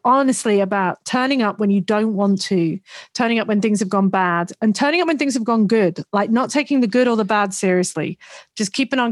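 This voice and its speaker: A woman's voice: medium pitch, no echo. A woman in her forties, a business coach and podcast guest, talking candidly in a chatty storytelling manner. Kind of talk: casual conversational interview.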